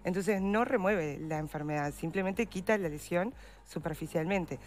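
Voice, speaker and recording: A woman's voice: fairly low pitch, moderate pace, darkish tone. A woman with a Uruguayan Spanish accent, a patient advocate giving earnest explanatory answers in an interview. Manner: earnest, explanatory, uses voseo. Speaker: guest, endometriosis patient advocate.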